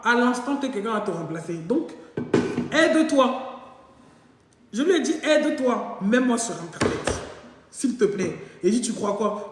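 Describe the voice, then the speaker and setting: A woman's voice: medium pitch, a little hiss or hum. Woman telling stories in an echoey room. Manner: animated, jokey, acts out both sides of dialogue. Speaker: live-stream host. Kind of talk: casual storytelling monologue. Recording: very echoey room with long reverb.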